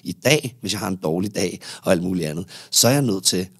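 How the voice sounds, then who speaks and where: A man's voice: low-pitched, lively intonation, a bit bright, husky, no room sound, studio quality. A male psychotherapist in a casual podcast conversation, talking animatedly and restarting his sentences as he explains. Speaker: psychotherapist guest.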